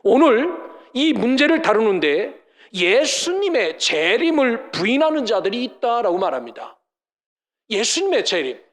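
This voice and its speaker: High, lively-voiced male pastor preaching. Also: unhurried. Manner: emphatic, asks the congregation rhetorical questions; mimics scoffers in mocking voices. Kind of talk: sermon. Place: church service.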